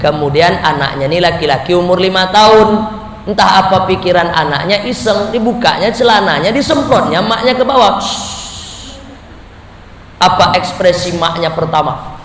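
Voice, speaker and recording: A male preacher gives a lively sermon, asking and answering his own questions and acting out the voices he quotes. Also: high voice, moderate pace. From Indonesia. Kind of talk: lively sermon to a live audience. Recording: echoey hall with faint noise.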